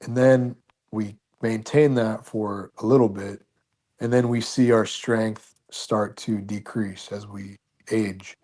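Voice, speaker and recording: A man with a somewhat low voice hosts a casual debate. He builds his questions methodically, one step at a time, to press his point. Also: fairly even intonation, takes it slowly, warm tone. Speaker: host.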